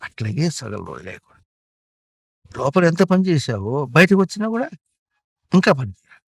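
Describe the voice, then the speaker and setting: Gravelly man teaching spiritual lessons. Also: a little high, big pitch swings, moderate pace, dry recording, studio quality. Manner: repetitive, questioning, emphatic. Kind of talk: spiritual instruction to a child.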